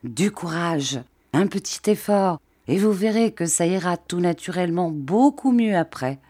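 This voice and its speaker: Woman reading hearty old fisherman guy, friendly and chatty, gets excited. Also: lowish voice, unhurried. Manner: cordial, talkative, enthusiastic.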